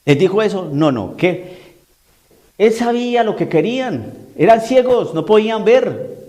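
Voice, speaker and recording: A male preacher delivers an emphatic sermon with a fairly high voice. He hammers points home through repetition and slips into voices when he quotes. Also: expressive, measured pace, mellow.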